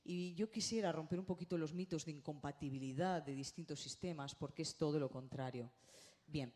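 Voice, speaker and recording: A middle-aged woman giving a lively conference lecture as a speech therapist, often tagging her points with a quick question. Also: low voice. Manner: animated, lively, checks in with tag questions. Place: conference hall.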